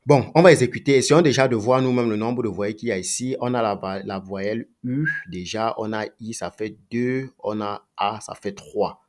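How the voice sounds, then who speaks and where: A man's voice: lowish voice, normal speed, few pauses. A man teaching a coding tutorial, thinking aloud, asking himself rhetorical questions and repeating phrases as he goes. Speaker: programming tutor. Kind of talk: screen-recorded coding tutorial.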